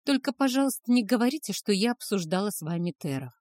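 A woman's voice: medium pitch, animated, fast talker, a little mellow, no room sound, clean studio sound, close to an everyday voice. A woman reading aloud voices a young, timid maid who speaks hesitantly and a little pleadingly. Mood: anxious.

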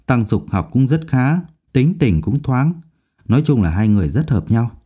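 A man's voice: mid-range voice, sing-song, normal speed, warm tone, breathy edge. A man voicing a chatty female student in a storybook, talking in a confiding, knowing way.

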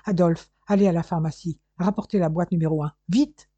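A nervous, stammering male hotel manager in an audiobook, as a reader puts him on. The voice is pitched up and urgent, with a very dark tone and a dull lo-fi recording. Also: brisk, husky, no room sound, close to an everyday voice. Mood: flustered. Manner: stammering, anxious.

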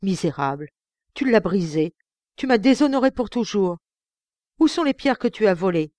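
A woman voicing an outraged middle-aged male banker who shouts accusations at his son, in an audiobook. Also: medium pitch, normal speed, no room sound, lightly acted. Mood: furious.

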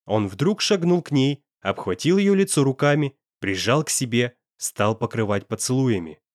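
A man narrating a romance story in an expressive, melodramatic reading. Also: medium pitch, moderate pace, no echo, clean studio sound. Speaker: audiobook narrator.

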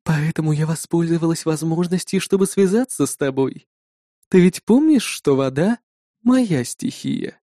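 A man voicing a commanding, mocking female demoness in an audiobook, drawling slowly and imperiously. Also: a little high, mellow, dry recording, studio quality, close to an everyday voice. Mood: teasing. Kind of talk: audiobook narration.

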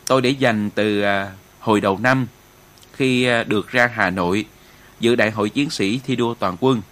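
A man's voice: on the low side, normal speed, fairly bright tone, lightly acted. A man voicing a proud male relay station chief who speaks formally with small hesitations. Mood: earnest.

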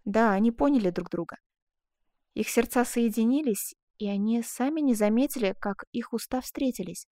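A woman narrating a classic novel in a measured, expressive way. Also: on the high side, dry recording, studio quality. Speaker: audiobook narrator.

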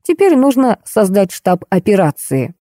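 A woman's voice: medium pitch, sing-song, measured pace, warm tone, no echo, studio quality. A woman reading the lines of a pompous, bossy middle-aged police colonel in an audiobook. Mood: commanding. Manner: pompous commanding.

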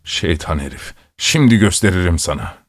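A man voicing a rough, hungry soldier who barks out insults in a gruff voice. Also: sits low, animated, normal speed, dry recording, clean studio sound. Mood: menacing.

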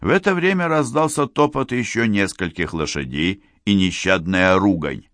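A man narrating an audiobook in a measured, steady storytelling manner, recorded close to the mic. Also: lowish voice, no echo.

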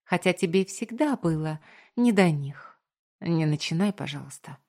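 A woman's voice: low voice, animated, moderate pace, a little mellow. A woman voicing a hurt young woman who speaks with restrained bitterness in an audiobook. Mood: bitter restrained. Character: young woman, hurt but composed ex-partner. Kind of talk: audiobook character reading.

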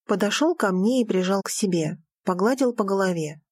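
A woman reading a first-person audiobook aloud, expressive and lifting her voice for the heroine's lines. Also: mid-range voice, brisk, slightly rough, dry recording, clean studio sound. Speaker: audiobook narrator.

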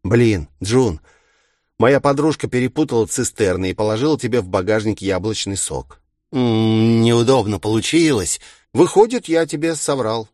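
A man's voice: medium pitch, moderate pace, a little mellow, no room sound, studio quality, close to an everyday voice. A man voicing a gleeful, mocking murderous villain in a taunting, singsong manner. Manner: taunting, singsong, cruelly playful.

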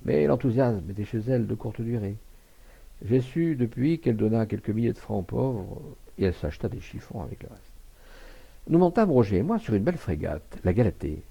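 A man reading a classic novel aloud as an audiobook narrator, in an expressive, dramatic manner. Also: fairly low pitch, brisk, vocal fry, breathy edge.

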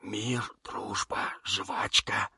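A man voicing a calm, wry male monster hero whose speech comes out metallic and hollow, as if from a barrel, in an audiobook. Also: on the low side, extremely slow, gravelly, slightly rough, no room sound, studio quality, full character voice. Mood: wary. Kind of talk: audiobook reading.

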